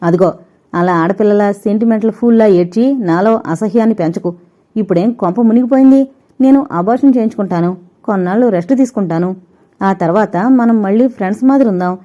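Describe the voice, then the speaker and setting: Haughty rich girl, sharp and scornful, fast cutting talk, darkish mellow tone, a lady narrator putting her on, kinda muffled recording. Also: medium pitch, natural voice. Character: arrogant rich young woman, scornful. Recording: dull lo-fi recording.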